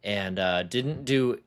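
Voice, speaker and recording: A man co-hosting a casual podcast, joking and sarcastic, laughing often as he talks. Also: low voice. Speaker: podcast co-host. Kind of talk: casual chat.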